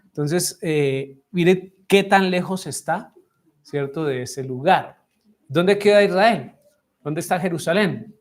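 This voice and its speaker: A man with a Colombian accent, a messianic pastor teaching a Bible study to a class and asking them frequent questions. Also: a little high. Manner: asks the class frequent questions, measured and deliberate. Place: congregation room with listeners.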